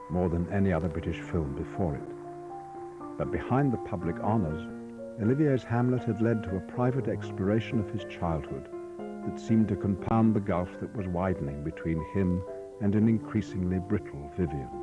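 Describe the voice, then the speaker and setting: Man narrating a doc, very deep, muffled-ish, music playing under. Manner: calm, measured. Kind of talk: scripted documentary narration. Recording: dull voice-over under music.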